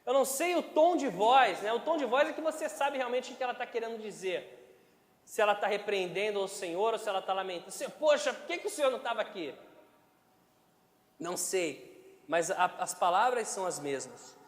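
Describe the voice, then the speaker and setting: Speaking fairly quickly, a male pastor with a rather high voice preaches in a conversational style and keeps checking in with the congregation. Because it was captured in a church hall, the audio is spacious and echoey, and a long reverb hangs after his lines.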